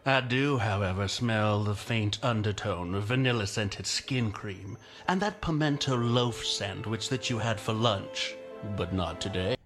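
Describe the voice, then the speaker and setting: An actor playing a smug, menacing killer gingerbread cookie man in a film clip, taunting in a slow, suave way. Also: fairly low pitch, a bit bright. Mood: silky taunting. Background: film score music.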